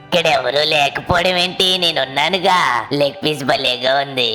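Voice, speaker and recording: Brief: woman playing a low, edgy cartoon ghost lady, mischievous. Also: moderate pace, sharp tone, soft background music. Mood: teasing. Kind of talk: cartoon dub of a game.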